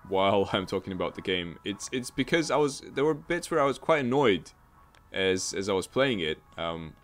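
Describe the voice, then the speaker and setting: A man giving a casual spoken game review, rambling with frequent restarts and a mildly exasperated tone. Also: lowish voice.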